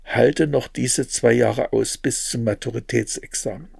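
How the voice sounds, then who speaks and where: A man's voice: medium pitch, a little slow, vocal fry, darkish tone, breathy edge, no room sound, studio quality, heavily acted. Man reading as an earnest, worried mother.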